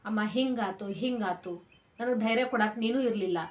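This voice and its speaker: A woman's voice: on the high side, normal speed, lo-fi sound, lightly acted. Give me a devoted young fisherman son, played by a woman, earnest and pleading.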